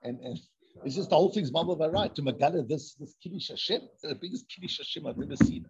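This fast-talking man, his voice a little high, teaches an informal Torah session with lots of excitement. He circles back over the same points and mixes Hebrew and Yiddish words in, all captured in dull lo-fi audio.

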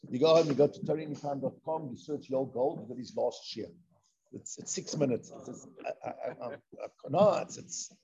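On a dull, lo-fi recording, a man leads an informal Torah discussion at a medium pitch. He's excitable, repeats himself, and sprinkles in Hebrew and Yiddish terms.

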